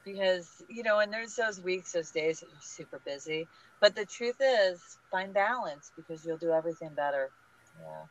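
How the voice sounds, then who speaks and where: A woman guest on a podcast interview, talking in an energetic, emphatic, advice-giving way. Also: fairly low pitch, normal speed. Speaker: guest, small business group leader. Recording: dull lo-fi audio.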